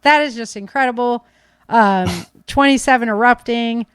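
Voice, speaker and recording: An American woman hosts a podcast, offering casual, unscripted commentary in an emphatic, conversational way. Her voice sits on the high side and is smooth, with a moderate pace and no room sound.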